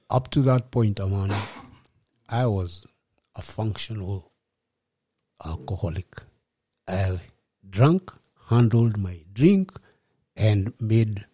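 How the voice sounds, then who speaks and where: A man in his fifties with a Kenyan accent, a podcast guest telling his life story in a reflective, unhurried way and slipping in Swahili words. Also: mid-range voice, warm tone, dry recording. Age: 50s. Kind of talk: personal storytelling in a podcast interview.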